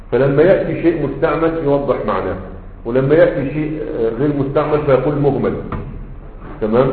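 A man teaching Arabic morphology to students with an Egyptian accent, talking in a loose, conversational way and often checking that they follow. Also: mid-range voice. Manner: conversational teacher, frequent fillers and checks for understanding. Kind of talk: classroom lesson. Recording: echoey hall, tinny phone-like sound.

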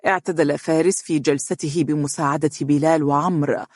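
A man narrating a novel in a steady, even storytelling voice. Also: on the high side, fairly quick, no room sound, clean studio sound. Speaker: audiobook narrator. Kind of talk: scripted narration.

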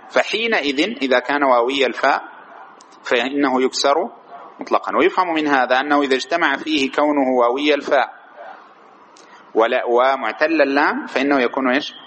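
A man's voice: mid-range voice, fairly bright tone, slight background noise. A man teaching Arabic grammar to a class. He asks students questions, repeats their answers and stretches key words.

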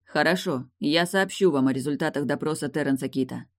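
A woman's voice: deep voice, fairly quick, darkish tone. A woman voicing a dutiful, suspicious male royal guard in a storybook reading.

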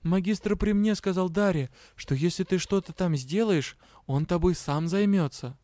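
A man's voice: high-pitched, normal speed, dark tone, no echo, voice pushed up, close to an everyday voice. A man reading an audiobook, voicing a bold young female magic student. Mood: firm.

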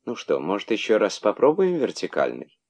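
A man voicing a mother monkey who talks in a stern, measured way. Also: lowish voice, huge pitch swings, a little mellow, breathy edge, voice pushed up, full character voice. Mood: weary.

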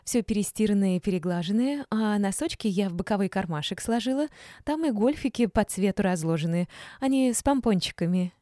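A woman's voice: fairly low pitch, little pitch movement, normal speed, warm tone, no room sound, clean studio sound, close to an everyday voice. A woman putting on a gushing, fawning busybody. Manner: chirpy, ingratiating, wheedling. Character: fawning, gushing younger woman, sugary and pushy. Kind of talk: audiobook character voice.

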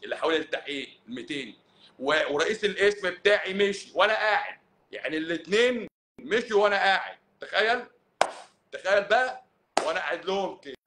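A middle-aged man with an Egyptian Arabic accent, a doctor talking in a casual, sarcastic live-stream monologue. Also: high voice. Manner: sarcastic, mocking, animated.

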